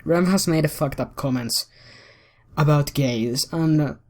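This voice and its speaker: A man's voice: a little high, takes it slowly, darkish tone. A man hosting a commentary video, ranting in a heated, profane and rambling way.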